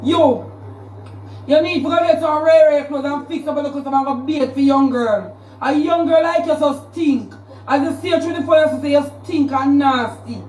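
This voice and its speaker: A Jamaican woman with a high voice delivers a heated livestream rant, circling back over the same points as she calls someone out. She sounds roomy, picked up by a phone mic from a few steps away. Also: moderate pace, a little mellow, distant mic. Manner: confrontational, repetitive, calling out a rival. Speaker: social media livestreamer.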